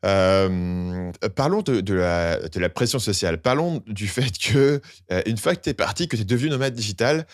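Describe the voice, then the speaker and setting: A man's voice: on the low side, expressive, normal speed, dry recording, studio quality. A young man hosting a podcast, chatting casually with lots of slang and acting out quoted complaints. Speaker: podcast host.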